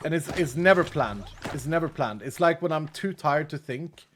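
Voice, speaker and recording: This animated man speaks on the high side at a moderate pace, with slight background noise. Hailing from Sweden with Swedish as his first language and a Swedish accent, he chats casually with viewers on a gaming stream, joking about himself, laughing often, and trailing off mid-thought.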